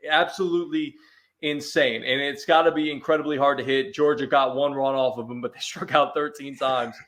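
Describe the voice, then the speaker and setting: A man's voice: mid-range voice, steady tone, a little fast, fairly bright tone. A man chatting as a guest on a sports talk show, telling easygoing stories with frequent restarts. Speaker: sports radio host, guest. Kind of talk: casual chat.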